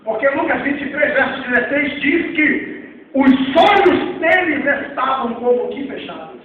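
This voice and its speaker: A man with a Rio de Janeiro Portuguese accent preaching a Pentecostal sermon, swinging from hushed asides to shouted exclamations. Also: very high-pitched, lively intonation, a little slow, phone-quality sound. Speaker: pastor. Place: church hall. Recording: echoey, far-off hall recording with faint noise.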